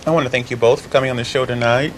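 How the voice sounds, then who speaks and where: A man's voice: medium pitch, steady tone, rapid-fire, slight background noise. A man hosting a local TV show, chatting casually with guests and laughing easily. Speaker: host. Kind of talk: casual TV interview.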